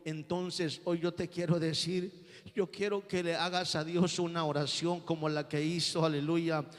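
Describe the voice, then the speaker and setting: A man's voice: fairly high pitch, flat delivery, measured pace. Fervent preacher man in a reverberant hall. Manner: fervent, builds to shouting. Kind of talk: sermon.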